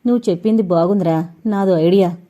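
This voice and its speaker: A woman voicing a cautious young man who speaks quietly and carefully. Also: fairly low pitch, quick pace, dull audio, close to an everyday voice.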